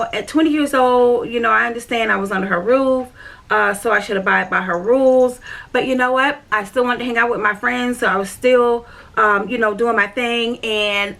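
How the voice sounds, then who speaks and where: Talking straight to her viewers, a woman vlogger recounts her spiritual journey in a slightly high, fairly bright voice. The personal story comes out candid and meandering, packed with fillers and repetitions.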